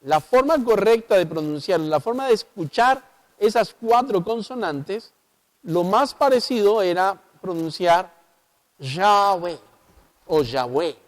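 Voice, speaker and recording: A man's voice: high-pitched, expressive, unhurried. A man with a Colombian accent, a pastor explaining the Bible on local television, who often puts rhetorical questions to his listeners. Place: local TV studio.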